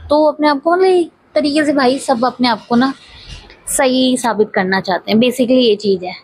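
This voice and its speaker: A woman recaps the plot of a web series in a chatty, loose way, stringing each line together with "so she says." Her voice sits high, a little mellow with a breathy edge, at a moderate pace. The recording has no room sound and poor audio quality.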